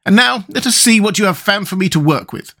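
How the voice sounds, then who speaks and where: A man voicing a cheerful, capable tin man in a storybook, steady and matter-of-fact. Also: sits high, a little fast, pitched above the performer's own voice, full character voice.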